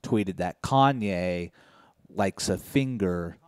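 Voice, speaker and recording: On a comedy club stage, a young man from Indiana performs a stand-up set that is deadpan and low-key, broken by sudden loud outbursts. He speaks slowly, and there is no echo.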